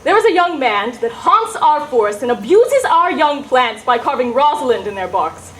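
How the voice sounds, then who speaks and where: A woman performs a witty young woman disguised as a cheeky lad. The voice is high and the delivery is hammy, theatrical Shakespearean comedy. There is faint noise in the recording. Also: very animated, normal speed, a bit bright, low-quality recording. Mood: mocking, teasing. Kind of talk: Shakespearean stage comedy acting.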